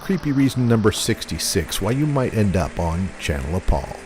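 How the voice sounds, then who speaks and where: A man reading scripted, wry commentary as a video host, deadpan and mock-serious. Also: fairly low pitch, normal speed, noisy background. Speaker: narrator and host of a video compilation channel. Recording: voice-over with music behind.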